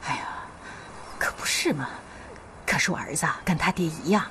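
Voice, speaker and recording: A woman's voice: deep voice, animated, fairly quick, bright, forceful tone, recorded from a distance, slight background noise. Fussing, doting drama mother. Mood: fond. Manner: fussing, exclamatory, sighing "aiyo". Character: doting middle-aged mother, matchmaking and fussing. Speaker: Yue Fei's mother.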